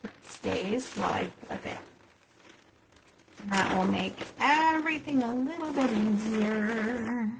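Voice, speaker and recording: Slow, gravelly-voiced woman sewing host. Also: on the high side, background noise. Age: adult with a child. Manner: chatty, talks to herself while working. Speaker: quilting shop host. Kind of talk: live sewing demonstration.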